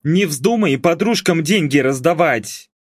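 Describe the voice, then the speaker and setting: A man putting on a shrill, nagging middle-aged mother. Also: lively intonation, unhurried, no echo, clean studio sound. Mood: indignant. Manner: shrill, indignant and scolding.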